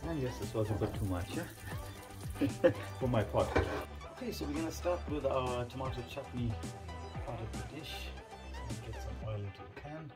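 A middle-aged man with a Durban Indian South African accent talks through a recipe in a casual, step-by-step way. His pitch sits in the middle for a man. Prominent music and the sizzle of a pan run behind his voice in a home kitchen. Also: wildly swooping pitch, moderate pace, long pauses. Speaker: cooking show host. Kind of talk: casual cooking demonstration.

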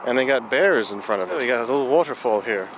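A man's voice: mid-range voice, animated, fast. A man in his thirties chatting upbeat to a handheld camera, outdoors on a trip. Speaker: travel vlogger. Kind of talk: casual travel vlog. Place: outdoors in a town, also driving in a car. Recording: street and car noise behind. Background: traffic and outdoor ambience.

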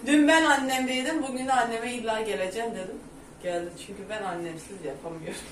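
A woman chatting loudly and rambling to her viewers in a casual home vlog. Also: fairly high pitch, quick pace, a little hiss or hum. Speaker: vlogger. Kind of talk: casual chat to camera. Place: home, indoors. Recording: echoey room.

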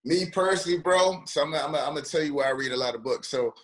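A young man from Washington, DC, a former football player and trainer, telling stories in a lively, slangy way with many restarts. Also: a little high, fast. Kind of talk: casual podcast chat.

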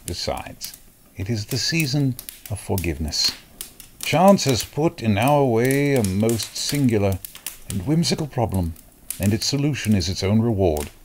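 A man playing a calm, authoritative detective in a radio drama who speaks in a measured, reflective way. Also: on the low side, slight background noise. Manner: measured, stern then reflective.

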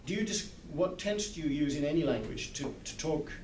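A translator in his sixties joins a relaxed book club discussion, the small group circled in a large indoor hall. His voice sits on the high side, expressive, fairly quick and darkish in tone, yet he pauses thoughtfully to find words. A distant camera mic records him with echo and background noise.

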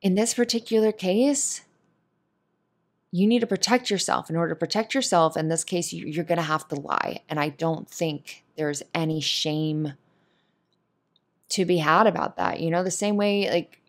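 Speaking a little slowly in a fairly low voice, a woman voice actor offers a listener casual, comforting advice. Her monologue comes across as earnest, opinionated and emphatic.

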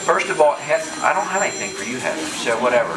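A man's voice: medium pitch, very animated, fast talker. A joking man speaking in an echoey hall. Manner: joking, off-script asides. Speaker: county commissioner presenting awards. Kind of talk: casual public ceremony speech. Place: large open-sided farm hall. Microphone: handheld microphone. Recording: echoey hall, crowd noise, distant mic.

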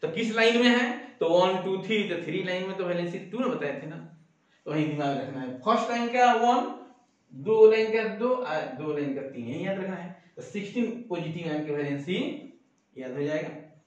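High-voiced man teaching in an echoey classroom. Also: expressive, normal speed. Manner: colloquial, folksy, uses village sayings and mnemonics. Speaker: school teacher. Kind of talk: classroom lecture. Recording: echoey, distant, dull lo-fi classroom recording.

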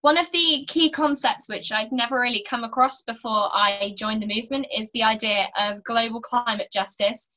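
Casting: teen girl, earnest and articulate, clear bright tone, talking to a webcam at home. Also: a little high, low-quality recording. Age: teenager. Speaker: youth climate activist. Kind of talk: recorded church talk to camera. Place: small bright room at home, indoors.

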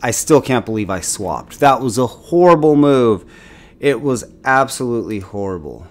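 A man's voice: mid-range voice, lively intonation, moderate pace. A man giving casual, self-critical commentary on his own gameplay as a channel host, thinking aloud with restarts and chuckles.

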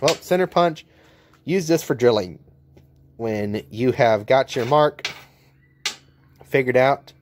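A man's voice: mid-range voice, a little mellow, slight background noise. Blunt joking welder showing his tools. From United States. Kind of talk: casual hands-on tool demo. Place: outdoor welding table. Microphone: handheld camera mic, filming one-handed.

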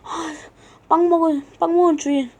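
A woman's voice: very high-pitched, fairly even intonation, normal speed. Whiny dramatic woman storyteller. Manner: whiny and dramatic, swinging loud and quiet. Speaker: storyteller playing with characters. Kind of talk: playful homemade character skit.

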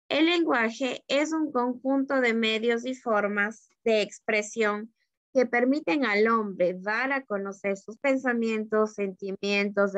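A woman's voice: on the high side, a bit bright, dry recording. A woman teacher giving an online literature lesson, explaining terms step by step and often checking in with her students. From Ecuador.

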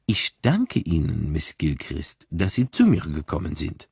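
A man reads as an unflappable older detective, speaking low and slowly in a mild, encouraging way. The voice has a slightly husky edge, and the recording is dry and close. The delivery is storybook-style, soft with quiet irony. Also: huge pitch swings, dry recording, full character voice. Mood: calm, gentle. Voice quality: low, gentle and slow.

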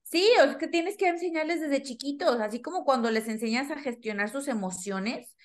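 Didactic woman, higher voice. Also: fairly quick. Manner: didactic, asks listeners questions, acts out children's dialogue. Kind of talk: interview explaining to parents.

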